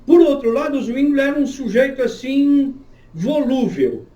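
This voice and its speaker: A man's voice: very high voice, animated, normal speed, mellow, roomy sound, lo-fi sound. A man who is a pastor and church history professor, answering an interview question with a long, emphatic, lecturing explanation.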